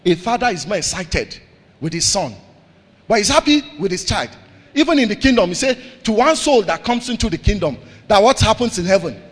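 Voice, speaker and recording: A man with a high voice delivers a sermon in a church hall, with long reverb trailing each phrase. He calls out questions for the congregation to finish and repeats his key lines, swinging from loud proclamations to quiet asides. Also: big pitch swings, a little fast, breathy edge. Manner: call-and-response preaching, repeats lines, swings between loud and soft. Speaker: pastor.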